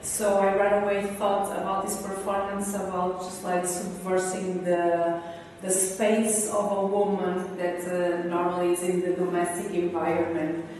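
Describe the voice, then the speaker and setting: A woman's voice: fairly low pitch, flat delivery, measured pace, a little mellow. Portuguese-accented woman in a very echoey hall. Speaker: visual and performance artist being interviewed. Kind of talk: reflective interview answers. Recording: echoey hall, distant mic, faint noise.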